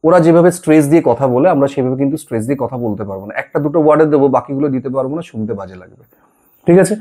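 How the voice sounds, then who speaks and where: Male tutor, warm low-key tone, patient and reassuring lesson delivery. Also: lively intonation, very fast. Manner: reassuring, repeats "ঠিক আছে?" to check in. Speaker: English tutor. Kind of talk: spoken English lesson.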